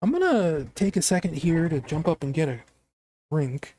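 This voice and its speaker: A streamer with a naturally scratchy voice giving casual gameplay commentary, chatty and quick to react aloud. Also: medium pitch, sing-song, dark tone.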